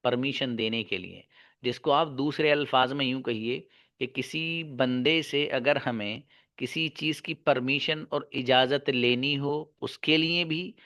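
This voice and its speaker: Man, English teacher, slow deliberate pace, mid-pitched voice, repeats points, answers his own questions. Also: a bit bright. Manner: slow, explains each phrase twice in two languages; asks the class questions and answers them himself. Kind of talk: slide-based grammar lesson.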